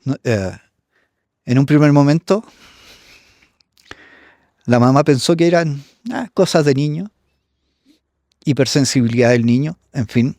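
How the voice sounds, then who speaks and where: Middle-aged man, guest storyteller, halting and casual with fillers; dry, close phone sound outdoors. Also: mid-range voice, dark tone, dry recording. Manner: halting, many fillers, voices the people he quotes. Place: cold outdoor patio.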